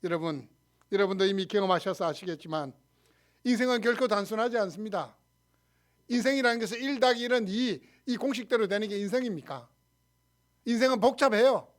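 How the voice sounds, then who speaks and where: A man's voice: high voice, a little fast. A man with a Gyeongsang accent, a pastor preaching a sermon, who asks the congregation questions and answers them himself. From Gyeongsang region, Korea. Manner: animated preaching, acts out shouted quarrels in dialect.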